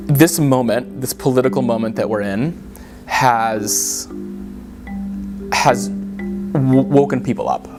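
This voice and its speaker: Earnest man over guitar music. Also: on the low side. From Dominican Republic. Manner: earnest, thoughtful, speaks in short halting phrases. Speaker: community advocate. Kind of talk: reflective interview answers. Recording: guitar music playing underneath. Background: soft guitar music.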